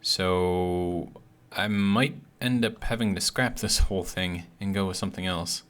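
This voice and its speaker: Somewhat slow and low, with a touch of brightness, this man's voice carries casual, hesitant commentary as he plays through a game for his video series. A bitten tongue that's on the mend gives his speech a slightly awkward edge.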